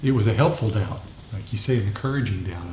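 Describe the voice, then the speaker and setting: A man with a lowish, dark voice talks quickly as he leads an informal meditation group discussion, explaining things reflectively and often repeating his phrases. He's in a meditation group's meeting room, and the recording is echoey with faint background noise.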